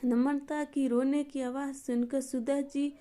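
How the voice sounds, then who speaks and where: A woman narrating a moral storybook tale in an even, unhurried scripted reading. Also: high-pitched.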